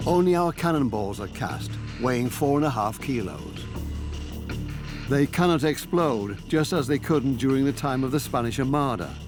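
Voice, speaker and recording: A male documentary narrator reads a scripted account at a measured pace of phrasing, with a sense of drama. His voice sits at a middle pitch, over clearly audible music. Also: animated. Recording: prominent music bed.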